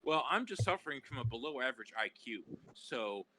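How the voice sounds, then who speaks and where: A man playing host in an improv comedy game, calling out loud, exaggerated guesses. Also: medium pitch, sing-song, fairly quick, crowd noise.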